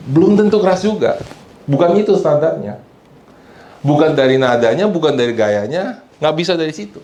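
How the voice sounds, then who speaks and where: A man's voice: mid-range voice, slight background noise. Man preaching in an echoey church hall. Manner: switches between Indonesian and English phrases, asks the congregation for responses; acts out quoted people, sometimes loud and shouting. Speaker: pastor. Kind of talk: sermon.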